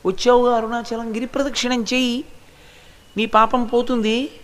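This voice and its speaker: A man quoting a calm old sage, a little higher. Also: moderate pace. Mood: reassuring. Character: calm elderly male sage, kind and firm.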